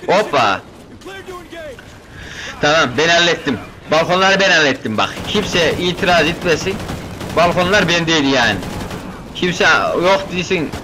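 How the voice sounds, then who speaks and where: A young man commentating his own game playthrough, joking, excitable and chatting to the characters on screen. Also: on the high side, a little slow, pauses often, background noise. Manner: keeps saying "brother" as a filler. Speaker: gaming video host.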